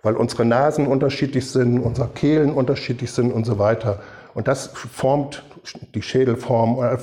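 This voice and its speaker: Middle-aged male preacher, mellow and warm tone, emphatic conversational sermon delivery. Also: medium pitch. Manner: emphatic, conversational, asks the audience for agreement.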